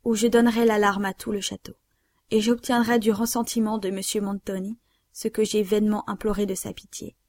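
A woman's voice: medium pitch, level tone, fairly quick, a little mellow, no echo, natural voice. A woman voicing a frightened but defiant young woman who answers sharply and with scorn, in a read-aloud story.

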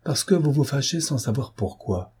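A man voicing a teasing, mischievous young girl in a storybook reading, with a husky tone. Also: medium pitch, animated, normal speed, darkish tone, voice pushed up. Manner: playful, mocking.

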